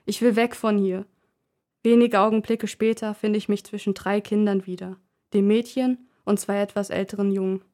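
Woman, narrator, first-person story, calm, measured, steady pitch.

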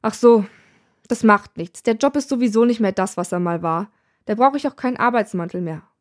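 A woman's voice: medium pitch, fairly quick, close to an everyday voice. Woman doing a weary, grumbling Death. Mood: gloomy. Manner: sighing, grumbling, put-upon. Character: tired, grumpy male Death, weary old worker.

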